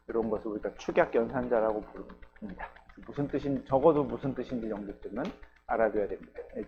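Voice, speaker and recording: A man's voice: medium pitch, phone-quality sound. A male university lecturer giving a recorded programming class, explaining step by step and often checking in with his students. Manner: patient, explains step by step with frequent "ye" and "geujyo" check-ins.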